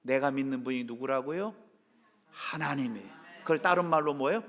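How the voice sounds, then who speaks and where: A man preaching a Sunday sermon as pastor, full of animated questions put to the congregation. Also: medium pitch, brisk. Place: church sanctuary. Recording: long reverb of a church hall.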